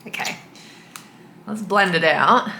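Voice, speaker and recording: Chatty Australian woman, bright and echoey. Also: medium pitch, takes it slowly, vocal fry, slight background noise. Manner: chatty and candid, often getting emotional. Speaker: beauty vlogger. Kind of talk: casual chat while doing makeup. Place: indoor room with a mirror. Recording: echoey room.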